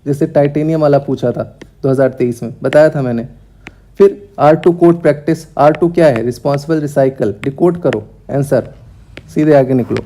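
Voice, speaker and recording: A young male teacher walks through exam questions in a brisk, direct manner, dropping English terms into his explanations. His voice sits a little high yet sounds mellow and relaxed. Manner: brisk, talks straight to students, mixes English terms into Hindi.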